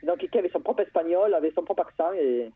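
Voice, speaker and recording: A woman calling in to a radio show, telling a personal story in a lively way, often restarting her sentences. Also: on the low side, fast, husky, no room sound. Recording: tinny phone line.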